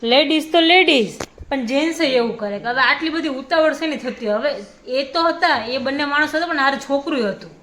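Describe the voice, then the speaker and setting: Woman, casual chat, short prompting questions, slightly high voice, echoey room. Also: a little fast, few pauses, a bit bright, a little hiss or hum. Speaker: family vlogger, listener prompting the story.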